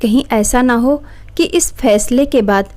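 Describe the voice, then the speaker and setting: A woman voicing a calm, caring middle-aged mother who speaks soothingly. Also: on the high side, unhurried, close to an everyday voice. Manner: soothing, gentle.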